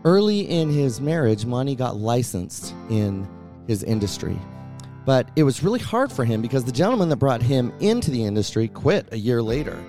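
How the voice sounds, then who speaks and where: A man's voice: mid-range voice, mellow. A male podcast host narrating a guest's story and reflecting on it. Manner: reflective, explanatory.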